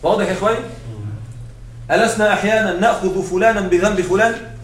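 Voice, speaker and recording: High-voiced man lecturing in an echoey room. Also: steady tone, fast, fairly bright tone, a little hiss or hum. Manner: explains step by step, often asks the class to confirm. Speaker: Arabic grammar teacher. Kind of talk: classroom lecture. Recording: echoey room, far from the mic.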